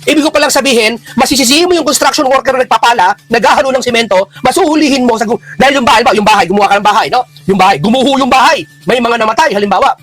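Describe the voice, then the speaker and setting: High voiced guy ranting fast about politics, lots of "ha?", music faint underneath. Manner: indignant, rhetorical questions, bursts of shouting. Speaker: political commentator. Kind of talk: heated political reaction talk.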